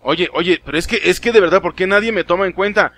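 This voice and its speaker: A young man with a Mexican Spanish accent, giving live gameplay commentary, excitable and swearing often as he talks to game characters. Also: high voice, fast talker, no echo. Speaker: gaming streamer.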